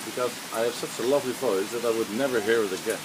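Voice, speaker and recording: A man's voice: medium pitch, racing. A man bantering casually with a friend while they wait out a rainstorm, joking and playful. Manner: playful joker, bursts into loud laughing quotes. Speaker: travel companion. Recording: rain noise outdoors. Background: heavy rain.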